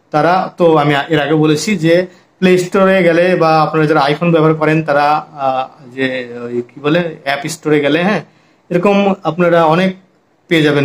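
A man teaching a harmonium and rhythm lesson, talking casually and counting beats aloud slowly. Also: fairly high pitch. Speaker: music teacher.

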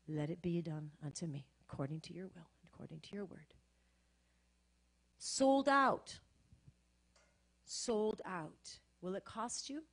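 A middle-aged woman pastor preaching a sermon, swinging between loud, shouted exhortation and quiet, hushed storytelling. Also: lowish voice, breathy edge.

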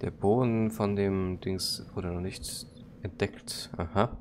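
A gaming YouTuber doing let's-play commentary, joking and talking back to the game, and haltingly reading English text aloud. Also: male voice, sits low, fairly even intonation. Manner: joking, talks to the game and its monster. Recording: loud background noise.

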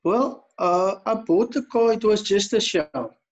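A South African man in his thirties, an amateur drag racer, appears as a podcast guest and chats casually over a slightly dull-sounding video call from an indoor room. His voice is high-pitched and his pace a little slow.

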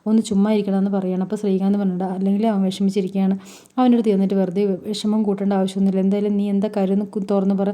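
A woman's voice: mid-range voice, flat delivery, very fast, warm tone. A woman vlogger casually recapping a TV serial episode, rattling through each character's lines in turn.

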